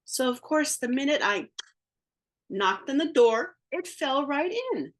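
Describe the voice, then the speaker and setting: A woman reading a picture book aloud, narrating in first person as the wolf, playful and theatrical with sound effects and drawn-out words. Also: high voice, lively intonation. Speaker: storybook reader.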